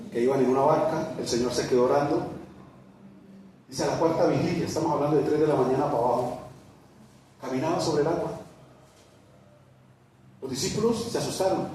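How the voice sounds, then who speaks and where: A pastor preaching a sermon, repeating words, asking rhetorical questions and rising to loud peaks. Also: male voice, mid-range voice, a little hiss or hum. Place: church hall. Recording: echoey hall from far off.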